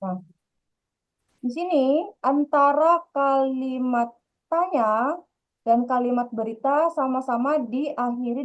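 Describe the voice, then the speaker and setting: A woman teaching a grammar lesson, explaining patiently and repeating her points. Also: a little high. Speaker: Korean language teacher. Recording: dull lo-fi sound.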